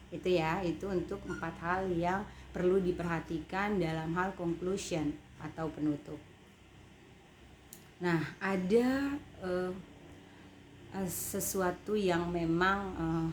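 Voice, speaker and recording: A woman's voice: lowish voice, a little mellow, a little hiss or hum. A woman with an Indonesian accent teaching an English lesson. She explains step by step and repeats each point in two languages. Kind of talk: bilingual online lesson.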